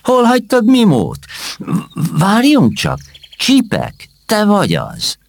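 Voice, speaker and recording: A man voicing a young beetle king who is a gentle, noble knight, speaking in a calm, kindly and teaching manner in a storybook reading. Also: sits low. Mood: surprised.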